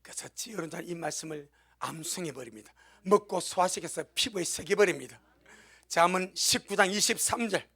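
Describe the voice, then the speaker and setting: A male pastor preaching with emphatic, exclaiming force, sometimes crying out to God. His voice sits very high and has a gravelly edge. He preaches in a church. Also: fairly quick, pushed and bright. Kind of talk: sermon.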